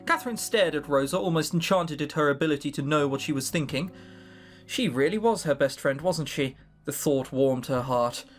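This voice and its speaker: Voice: mid-range voice, animated, normal speed. A narrator reading a story aloud in a playful, dramatic way, dropping in irreverent ad-libbed comic asides. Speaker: narrator voicing the characters. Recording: music behind the voice.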